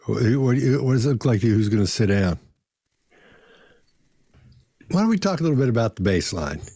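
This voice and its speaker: Fast-talking man with a husky dark voice. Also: mid-range voice, big pitch swings, no echo, studio quality. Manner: very fast talker; leads with questions to other panelists. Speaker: panel moderator. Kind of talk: casual panel discussion.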